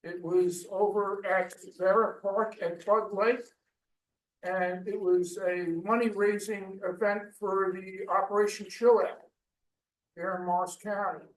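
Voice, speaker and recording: A man's voice: high-pitched, level tone, a little slow, a little hiss or hum. A man with an American accent giving a member's report at a veterans' meeting, loose and rambling with frequent ums. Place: meeting hall. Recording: echoey room, voice from far off.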